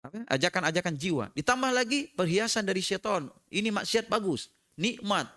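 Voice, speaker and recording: A man preaching a sermon in a prayer room, moving from slow chanted recitation to lively joking explanation. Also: sits high.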